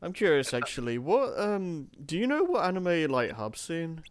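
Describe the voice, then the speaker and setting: A man's voice: a little high, big pitch swings, moderate pace, clean tone, dry recording. A young man chatting casually during a game stream, easygoing and a little hesitant. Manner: easygoing, laughs often, hesitant. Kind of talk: casual chat while gaming.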